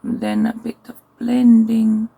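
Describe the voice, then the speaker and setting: A tired woman, chatting casually through a makeup tutorial and thinking aloud with soft asides. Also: on the high side, monotone, takes it slowly, gravelly, husky. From Finland. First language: Finnish. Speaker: makeup vlogger.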